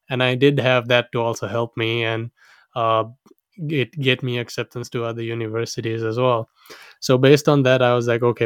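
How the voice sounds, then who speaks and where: A man's voice: mid-range voice, clear, resonant tone, no room sound, clean studio sound. A young man in his twenties from Sri Lanka, casually telling his life story with frequent restarts. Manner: chatty, with frequent restarts and laughs. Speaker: guest storyteller.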